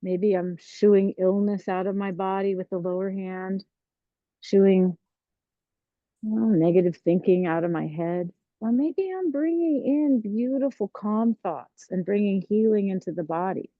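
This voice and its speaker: A woman teaching a tai chi class, giving serene, encouraging, unhurried movement cues. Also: lowish voice, steady tone. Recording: roomy, dull lo-fi sound.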